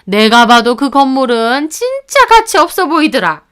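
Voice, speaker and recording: Scornful mother-in-law, voiced by a woman, higher pitch, condescending scolding, storybook reading. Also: very animated, normal speed, a bit bright, clean tone. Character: scornful older mother-in-law, sharp-tongued.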